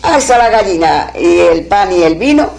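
A storyteller retells an old folktale aloud in a fairly low, creaky, darkish voice, animated and at a moderate pace. She repeats phrases rhythmically and quotes the characters' dialogue. The recording is low quality.

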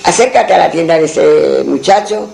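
A man's voice: fairly high pitch, normal speed, vocal fry, a little mellow, low-quality recording. A man telling a traditional folk tale in a rambling way, full of asides and restarts. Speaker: storyteller.

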